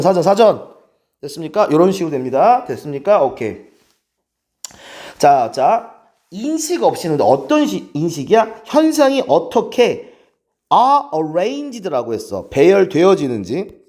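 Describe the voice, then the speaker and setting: A man's voice: high voice, darkish tone. A man teaching English grammar in a lecture, keeps checking in with the class through rhetorical questions.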